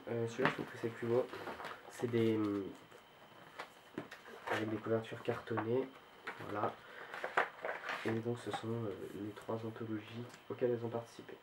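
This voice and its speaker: A book vlogger with a medium-pitched voice casually shows off his book collection on his video channel. He talks hesitantly with lots of fillers and restarts, and the recording is very noisy.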